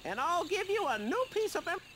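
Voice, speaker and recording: A man's voice: very high-pitched, big pitch swings, a little fast. An actor playing a helpful, eccentric male cartoon bird inventor giving tutorial advice in a video game. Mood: cheerful, instructive. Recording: game audio with loud music.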